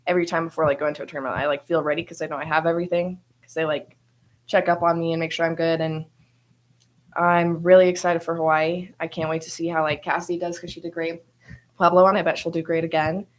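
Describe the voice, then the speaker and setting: Young woman, freshman athlete, slightly low voice, chatty and enthusiastic. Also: level tone, quick pace. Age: young adult. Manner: chatty, frequent "like" fillers, enthusiastic. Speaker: first-year college athlete. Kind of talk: media interview answers.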